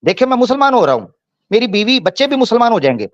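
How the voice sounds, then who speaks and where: A man's voice: extremely high pitch, very animated, quick pace, no room sound, highs cut off, pitched above the performer's own voice. A man mimicking a panicky grown man who begs to be let off, in a mocking, pleading voice. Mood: mock begging.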